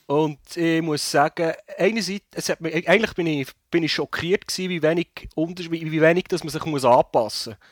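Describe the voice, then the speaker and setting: A man with a Swiss German accent, chatting in a relaxed way on a podcast and explaining from his own experience. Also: fairly high pitch, fairly quick, dry recording, studio quality. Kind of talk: casual podcast chat.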